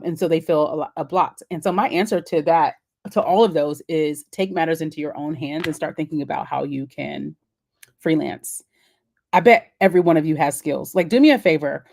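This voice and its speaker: Woman host, low-pitched, casual live Q&A, chatty and encouraging, lots of ums and restarts. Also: normal speed, vocal fry, darkish tone.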